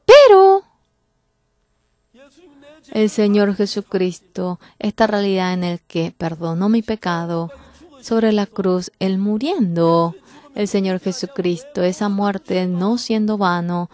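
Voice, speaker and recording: A woman interpreting a church sermon, speaking fervently with sudden loud, emphatic bursts. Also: medium pitch, slow pace.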